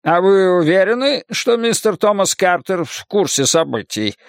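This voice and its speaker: A man's voice: a little high, sing-song, fairly quick, dry recording, clean studio sound, voice pushed up. A man voicing a heavyset male librarian who questions two boys sternly and with suspicion.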